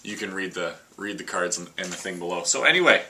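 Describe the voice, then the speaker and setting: A young man hosting a casual card-game deck breakdown, reading card lists quickly and joking between them. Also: low voice, lively intonation, noisy background. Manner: quick, jokey list-reading with laughs. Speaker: host.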